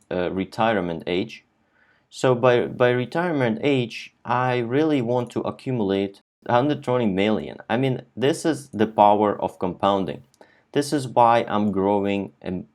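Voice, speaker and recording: Low-voiced young man talking through his investment plan. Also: a little mellow. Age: 20s. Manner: thinking aloud with frequent fillers and restarts. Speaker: finance channel host. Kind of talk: casual explainer over a screen share.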